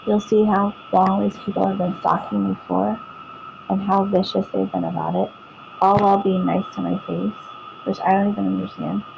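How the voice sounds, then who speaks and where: A woman's voice: medium pitch, level tone, normal speed, vocal fry, highs cut off, noisy background. A woman, vlogging casually to viewers, rambling, repeating herself and restarting sentences.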